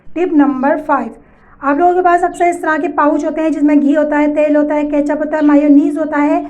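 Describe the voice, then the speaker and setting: A woman's voice: high voice, flat delivery, fairly quick, darkish tone, muffled recording. A woman giving step-by-step household tips at home. She speaks straight to her viewers, patiently repeating each step.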